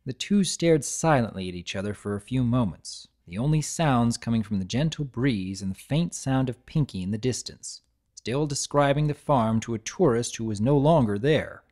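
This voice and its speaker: A man reading a story aloud as scripted dramatic narration, in a measured, expressive storytelling manner. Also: medium pitch.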